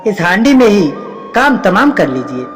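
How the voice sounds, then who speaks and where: A man voicing a clever, calm village man in a storybook tale, speaking in a coaxing, mock-polite way. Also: sits high, normal speed. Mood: drowsy coaxing. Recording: long reverb, faint background music.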